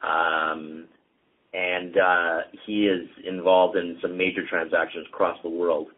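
A real estate executive from Canada, middle-aged, chats slowly in a low voice with a breathy edge. As an interview guest he stays relaxed, saying um and uh a lot in this casual conversation, which comes across a tinny, phone-like line.

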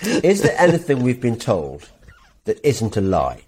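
Lively English man in an echoey room. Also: medium pitch, unhurried. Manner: lively, jokey, sarcastic. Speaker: podcast host. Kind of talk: casual chat and read advert. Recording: roomy echo.

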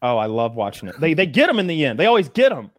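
A man in casual chat, telling stories in an animated, profane way. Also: a little high, fast, no echo, clean studio sound.

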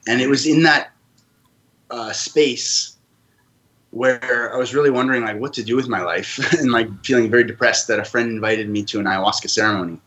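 A man's voice: mid-range voice, fairly even intonation, brisk, pushed and bright, low-quality recording. A man from Canada, a podcast guest, telling his story in an earnest, reflective way during a casual interview.

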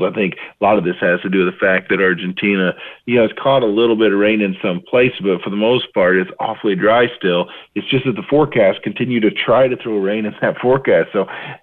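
A man talking over the phone as a market analyst guest, giving casual commentary with many fillers and restarts. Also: fairly low pitch. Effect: heard over the phone. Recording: tinny phone line.

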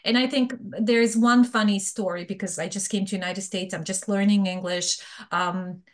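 A woman's voice: medium pitch, steady tone, moderate pace. A middle-aged woman from Bosnia with a Bosnian accent, speaking frankly and chattily as an interview guest. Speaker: guest, fraud professional. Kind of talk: casual interview talk.

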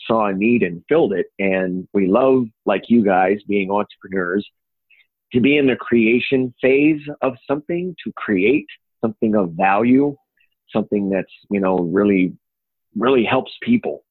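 He's a middle-aged man with a lowish, slightly breathy voice at normal speed, carrying an Upper Peninsula Michigan accent. As the owner of a home inspection business, he's an interview guest, chatting wordily, folksily and playfully. It sounds like an echoey, narrow phone call.

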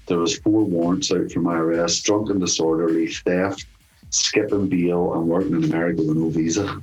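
A man's voice: low voice, fairly even intonation, normal speed, faint music behind, poor audio. A middle-aged man as an interview guest, telling a long story in a casual, profane way and laughing as he goes.

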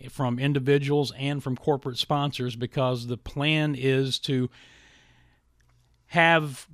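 A man hosting a podcast, talking reflectively and haltingly in a monologue to listeners. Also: medium pitch, steady tone, a bit bright, dry recording, clean studio sound. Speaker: podcast and radio host. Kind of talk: monologue to listeners, partly scripted ad reads.

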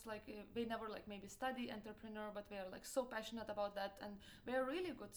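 A young woman with a Lithuanian accent answers an interviewer's questions in English, her second language. She speaks in a slightly high register and hesitates often, filling gaps while she hunts for the right word. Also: slight background noise. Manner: hesitant, searching for words, many fillers. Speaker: entrepreneur guest.

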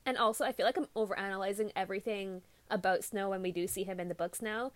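A woman's voice: medium pitch, no room sound. Young woman, giggly book-podcast co-host, dry close mic. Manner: giggly, animated, quick to laugh. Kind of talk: casual book discussion podcast.

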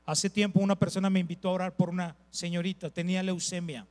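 A man, a pastor preaching a sermon with lively storytelling, repeated phrases and asides to the congregation. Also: sits high, quick pace, big-room sound.

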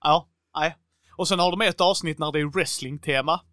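Man, casual chat, animated and enthusiastic, acts out quotes; slightly higher voice, dry close recording. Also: dry recording. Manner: enthusiastic, animated, quotes himself and others in little acted bits. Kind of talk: casual chat about TV series.

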